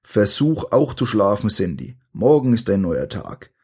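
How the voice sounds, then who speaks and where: A man's voice: on the low side, unhurried, breathy edge, exaggerated voice. A man voicing a young boy hero in a spoken adventure story, crying out in fear and reassuring his friend. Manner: frightened cries turning to steady reassurance.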